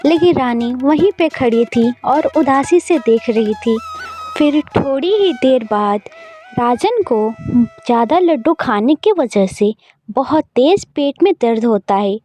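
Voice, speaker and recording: A woman narrating a moral story in a plain, steady way. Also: high-pitched, slow, faint music behind. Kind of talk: scripted narration.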